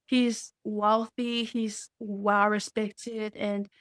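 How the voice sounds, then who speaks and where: A woman's voice: medium pitch, little pitch movement, extremely slow, a bit bright, no echo, clean studio sound. A young woman from Samoa, a student guest on a podcast, speaking earnestly and reflectively about faith. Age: young adult. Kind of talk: podcast interview.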